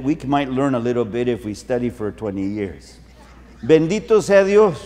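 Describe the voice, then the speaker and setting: A middle-aged male pastor gives a humorous sermon in two languages, telling stories in a preacher's style. His voice is medium-pitched and warm, carrying long reverb through a large conference hall.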